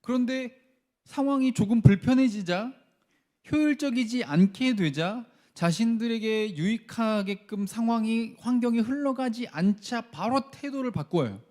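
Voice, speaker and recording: A man's voice: very high voice, animated, a little slow, a little mellow. A man preaching a sermon as pastor. He leads the congregation in reading verses aloud and acts out the people's complaints.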